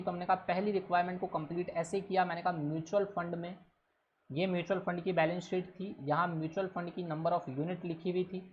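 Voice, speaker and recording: A male teacher giving a recorded lecture, explaining each step and repeating it, with English terms mixed into his Hindi. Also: high voice. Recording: dull lo-fi recording with faint noise.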